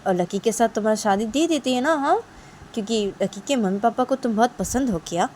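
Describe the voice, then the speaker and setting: Woman doing a dad talking gently, coaxing, slow, kinda high voice. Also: slight background noise, natural voice.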